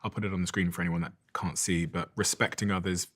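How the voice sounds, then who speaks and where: A man's voice: sits low, fairly even intonation, quick pace, fairly bright tone, slightly rough. A man hosting an interview, asking short, curious questions that move the conversation along. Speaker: interview host.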